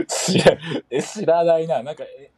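A young man co-hosting a podcast in casual comedic banter, firing back quick exasperated retorts and often laughing. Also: on the high side. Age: young adult. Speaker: podcast co-host.

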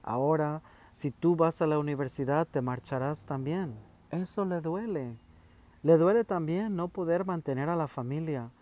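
A man voicing a caring, tearful mother who speaks softly and consolingly. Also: fairly high pitch, normal speed, lightly acted. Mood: gentle consoling. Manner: soft, consoling, pleading.

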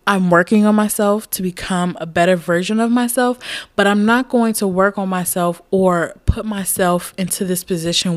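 A woman's voice: lowish voice, dry recording. A woman in her late twenties talking candidly in a casual personal monologue, rambling and laughing often. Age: late 20s. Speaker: podcast host.

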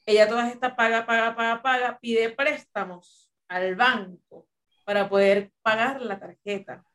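A woman's voice: fairly high pitch, steady tone, a little slow, fairly bright tone. A woman, co-hosting a podcast and retelling a story in casual chat, rambling with filler phrases. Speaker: podcast co-host.

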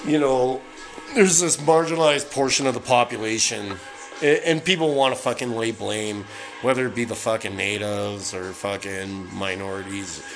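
A man's voice: on the low side, moderate pace, low-quality recording. A man from Canada ranting on a solo podcast, swearing constantly in a heated, rambling way. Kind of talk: casual profane rant. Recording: music playing in the background. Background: music from a record player.

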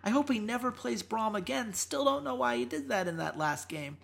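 A woman's voice: mid-range voice, expressive, moderate pace, gravelly. A woman co-hosting an esports podcast, talking through matches in casual analysis with emphatic, exasperated rants.

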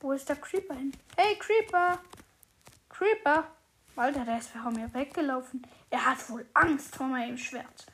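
Woman, very high voice, eager play-by-play gamer, a little background hiss. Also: unhurried. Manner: excitable, narrates her own moves aloud. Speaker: podcast host playing a survival game. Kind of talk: casual gameplay chat.

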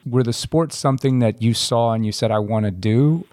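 A man hosting a podcast interview, asking friendly, measured questions. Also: medium pitch, a little mellow, no echo, studio quality. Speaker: podcast host.

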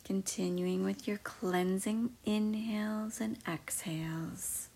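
A woman guiding a meditation in a soft, slow, mostly whispered voice. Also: medium pitch, steady tone, creaky, slightly rough. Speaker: meditation guide. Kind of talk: guided meditation.

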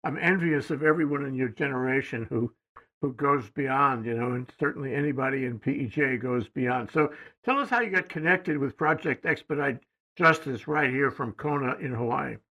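A man hosting a talk show, interviewing a guest over a remote call in a halting, rambling way full of fillers. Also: mid-range voice, lively intonation, bright, forceful tone, rough recording. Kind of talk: casual interview. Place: studio in Hawaii.

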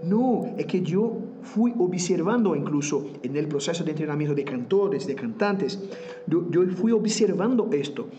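A man's voice: fairly high pitch, lively intonation, moderate pace, dark tone, highs cut off, a little hiss or hum. A man with a Brazilian Portuguese accent, a native Portuguese speaker and vocal coach, explaining singing exercises in an interview, slipping in Portuguese words and stopping to demonstrate. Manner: slips in Portuguese words, searches for words.

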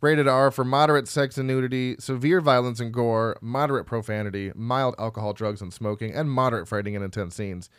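A man's voice: mid-range voice, fairly even intonation, fairly quick, hardly any pauses, clean tone, no echo. Male podcast co-host, casual and self-mocking, trips over names, dead-dry booth sound. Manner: rambling, laughs at himself, stumbles over names. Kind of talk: casual chat reading film credits.

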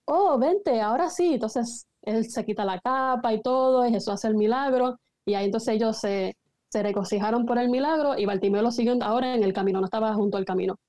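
A woman retells a story with animation, slipping into lively voices for the quoted lines. Her voice is a little high yet mellow and dark in tone, recorded dry with no room sound. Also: no echo. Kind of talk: casual faith discussion.

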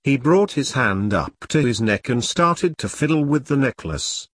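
A man reading a historical novel aloud as a narrator, in a steady storytelling manner. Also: medium pitch, unhurried. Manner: steady storytelling read with dialogue. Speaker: audiobook narrator. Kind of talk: scripted narration.

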